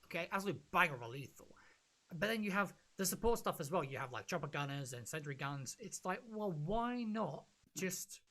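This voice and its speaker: A podcast host chatting excitedly and rambling about a video game, with many restarts. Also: medium pitch, a little fast. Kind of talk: casual gaming podcast chat.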